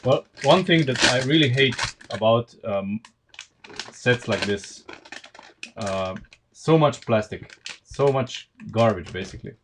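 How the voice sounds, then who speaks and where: A man's voice: medium pitch, takes it slowly, pauses often, background noise. A man from Slovenia with a Slovenian accent, chatting casually on a live stream while building Lego, thinking aloud with lots of fillers and restarts.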